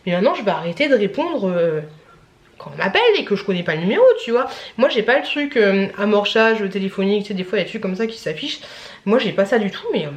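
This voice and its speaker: A young adult woman chatting casually at home in a vlog, rambling and acting out phone calls. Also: medium pitch. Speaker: vlogger. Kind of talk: casual chat.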